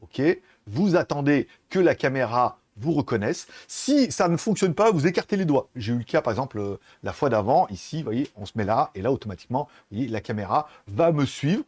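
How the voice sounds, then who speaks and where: A man's voice: mid-range voice, very animated, brisk, hardly any pauses, a little mellow, husky. A man reviewing a webcam in casual French, chatty and laughing often, talking straight to the viewer through the camera's built-in mics. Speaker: tech reviewer. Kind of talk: casual product demo. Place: room with small fan and air conditioner. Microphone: webcam built-in microphones.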